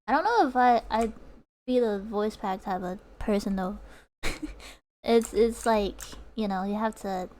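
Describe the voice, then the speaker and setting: Slow-talking, giggly young streamer woman. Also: medium pitch, darkish tone. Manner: giggly, reads out chat. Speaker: art streamer. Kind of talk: casual livestream chat while drawing.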